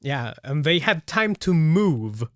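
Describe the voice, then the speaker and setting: A podcast co-host chatting casually, measured and thoughtful with dry remarks. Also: medium pitch, very animated, no echo. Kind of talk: casual chat.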